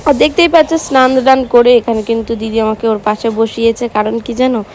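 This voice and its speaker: Girl vlogging w a sore throat, talks kinda soft, voice a bit high, little bit of noise behind. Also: fast. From West Bengal, India. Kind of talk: casual vlog narration.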